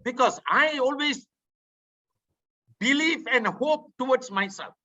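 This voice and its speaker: A man's voice: very high-pitched, expressive, extremely slow, sharp tone. A man in his fifties giving an emphatic motivational talk in an online meeting, repeating his key words, heard over a video call. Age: 50s. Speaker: guest speaker. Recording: dull lo-fi video call audio.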